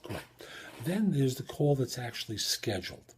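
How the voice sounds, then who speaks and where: Very animated and medium-pitched, a man speaks at a moderate pace with slight background noise. He is a job search coach hosting a solo career advice podcast, explaining step by step and answering his own rhetorical questions.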